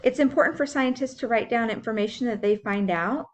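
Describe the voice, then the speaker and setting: Reading a children's science book, a female teacher keeps her explanations simple and poses questions to her young listeners. She speaks briskly, in a slightly high voice.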